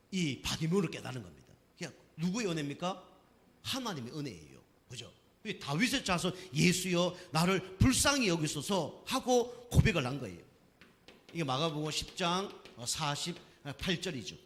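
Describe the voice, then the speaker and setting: A pastor preaches to his congregation in a church sanctuary, asking them questions and repeatedly checking in with "right?" His voice is fairly high and a bit bright, with a long reverb tail.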